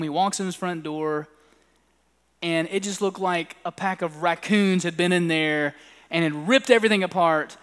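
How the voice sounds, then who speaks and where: A man preaching a sermon as a pastor, telling stories and swinging between loud, pressing lines and hushed ones. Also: sits high, clean tone, big-room sound.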